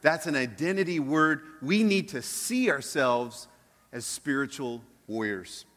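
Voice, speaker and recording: A man's voice: medium pitch, lively intonation, measured pace, fairly bright tone. A man, a pastor, delivering a conversational sermon to a congregation, using rhetorical questions and repeating phrases for emphasis. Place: large church hall, speaking live. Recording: reverberant hall sound.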